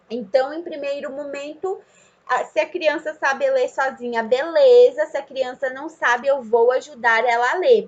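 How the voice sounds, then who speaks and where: A young woman, a student teacher, patiently demonstrating a classroom activity and drawing out words slowly as if for a child. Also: high-pitched, a bit bright. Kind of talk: instructional demonstration. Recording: slightly dull lo-fi sound.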